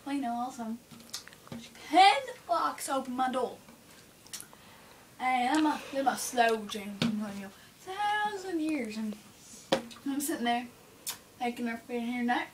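A woman's voice: a little high, lively intonation, measured pace, pauses often. A young woman playing a rowdy, drunk party animal who rambles and swears indignantly in an improvised comedy mock interview. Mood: rowdy rambling. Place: small wood-panelled room indoors. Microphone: phone held across a table. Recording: noisy, distant phone-camera room recording.

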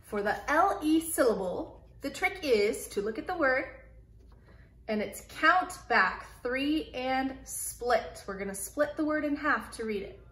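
Slow, patient woman teaching phonics. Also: high voice, expressive, a bit bright, reverberant. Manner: slow, clear and encouraging, stretching out sounds for young children. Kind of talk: early reading phonics lesson.

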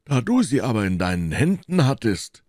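A man doing a loud, blustering musketeer. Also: medium pitch, big pitch swings, normal speed, dry recording, studio quality, pitched above the performer's own voice. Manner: loud, emphatic.

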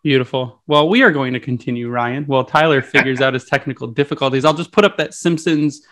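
A man's voice: mid-range voice, fast, fairly bright tone. A man co-hosting a podcast in a teasing, joking way. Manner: jokey, teasing. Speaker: podcast co-host. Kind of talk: casual podcast chat and ad read.

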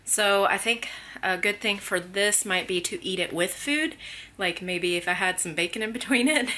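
A woman in her thirties chatting casually while filming herself in her kitchen, thinking out loud as she goes. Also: on the low side, slight background noise. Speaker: family vlogger. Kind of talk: casual vlog chat. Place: home kitchen. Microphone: handheld camera at arm's length.

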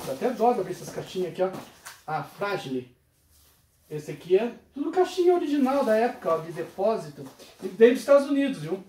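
A collector unboxing retro games in a casual vlog, exclaiming with excitement and reading item names aloud. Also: medium pitch, recorded from a distance. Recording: roomy echo, voice away from mic, faint noise.

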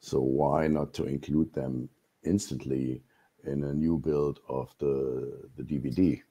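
Very deep-voiced man on a call. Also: steady tone, measured pace, mellow, husky. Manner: hesitant, repeats words while thinking. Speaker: community board member. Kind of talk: casual meeting discussion. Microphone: video call.

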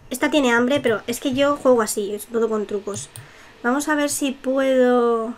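Chatty young woman from Spain, slightly high. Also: a little slow, long pauses, slight background noise. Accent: Spain Spanish. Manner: chatty, giggly, self-mocking asides. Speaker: gameplay youtuber. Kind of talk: casual game commentary.

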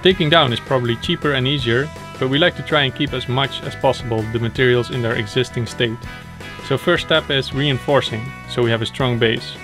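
A young man hosting a renovation project vlog explains and narrates the work plainly and matter-of-factly. His mid-range voice runs a little fast, with music in the background.

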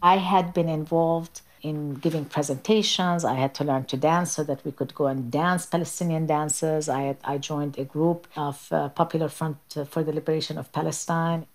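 Woman, deep-pitched voice, documentary interview, personal recollection. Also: steady tone, moderate pace, few pauses.

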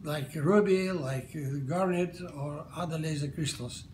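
A man in his seventies with a Bulgarian accent, whose first language is Bulgarian, answers interview questions in a halting way, with many fillers and restarts, from a living room sofa. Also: a little high, a little mellow, a little hiss or hum. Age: 70s. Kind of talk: casual interview. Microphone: camera at medium distance. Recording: echoey room.

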